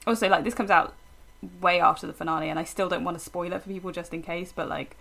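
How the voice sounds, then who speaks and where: Creaky-voiced woman podcast co-host. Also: fairly low pitch, fast talker. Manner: animated and rambling, with laughs and restarts. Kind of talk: casual chat.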